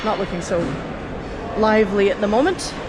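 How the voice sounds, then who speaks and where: A woman with a medium-pitched voice at normal speed hosts a city walk video around a London skyscraper and its streets, chatting off the cuff and rambling with wry asides to herself. She films on a handheld camera on a stick amid noisy traffic.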